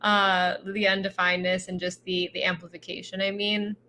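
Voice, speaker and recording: A woman's voice: on the low side, little pitch movement, moderate pace, bright, forceful tone, a little hiss or hum. A woman co-hosting a podcast, musing reflectively in a casual chat with lots of filler words. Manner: reflective, filler-heavy, thoughtful. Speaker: podcast co-host.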